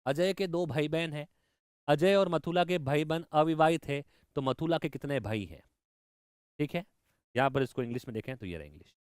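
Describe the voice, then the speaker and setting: Enthusiastic male reasoning teacher, crisp voice. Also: fairly high pitch, a little fast, no echo, clean studio sound. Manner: enthusiastic, talks to students directly, mixes in English terms. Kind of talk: online exam-prep lecture.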